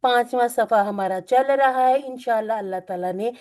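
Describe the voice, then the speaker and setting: A woman teacher leading an online Quran and Arabic class, explaining gently and repeating points. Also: fairly high pitch, moderate pace. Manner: gentle, repetitive teaching with religious phrases. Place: online video call.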